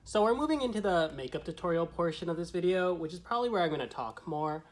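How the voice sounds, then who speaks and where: A man's voice: a little high, animated, fast talker, noisy background. A man who is a drag queen vlogger, talking through a tutorial to camera in a chatty, meandering, explanatory way. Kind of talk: casual tutorial talk to camera.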